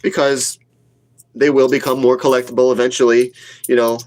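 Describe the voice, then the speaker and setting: This livestream host, a retail investor around forty, keeps a level tone at medium pitch and a moderate, darkish delivery. Sick and sniffling with a cold, he casually replies to viewer comments, bluntly pushing his opinions and repeating himself to drive them home.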